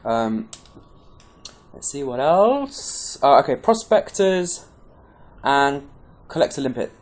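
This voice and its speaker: A man's voice: medium pitch, sing-song, slow. Chatty man explaining a game setup. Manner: rambling, chatty, many ums and restarts; caffeinated, pepped up. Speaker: game guide presenter. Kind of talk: casual gameplay tutorial commentary.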